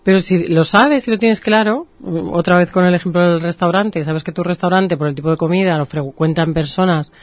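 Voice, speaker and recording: On a radio show, a marketing professional with a Spain Spanish accent explains things patiently and illustrates them with vivid examples. Her voice is lowish and a little quick, with few pauses and no room sound, in an explanatory interview setting.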